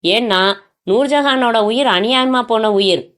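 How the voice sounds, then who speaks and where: A woman voicing a menacing male kidnapper who speaks in a cold, measured, taunting way on the phone. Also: on the high side, a bit bright.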